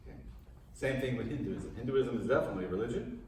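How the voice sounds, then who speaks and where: A man's voice: mid-range voice, animated, fast talker, a crowd in the background. Male priest, informal class lecture, asks the room questions, distant mic, big echo, faint hiss. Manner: conversational, quizzes the audience. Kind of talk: informal lecture to a parish group. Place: large room with a live audience.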